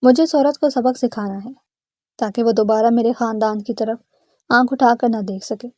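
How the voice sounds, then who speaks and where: A woman voicing a stern, protective young man who is quick to anger, speaking firmly. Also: a little high, fairly even intonation, mellow, no echo, studio quality, natural voice. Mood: stern, angry. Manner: firm, threatening delivery.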